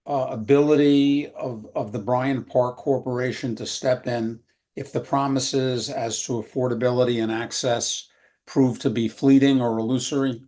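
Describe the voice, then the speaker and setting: A man asking a slow, formally worded question at a community meeting. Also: mid-range voice, steady tone, warm tone.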